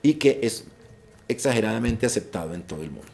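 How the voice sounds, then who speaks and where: A man's voice: fairly low pitch, expressive, a little fast, vocal fry, darkish tone. A young adult man giving an informative online session about an exam, emphatic and repeating his key points. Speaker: IELTS presenter.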